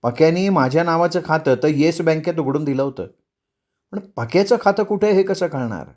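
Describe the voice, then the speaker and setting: Male storyteller playing a bossy, scolding young wife; lifted pitch, sharp and quick. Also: animated, natural voice.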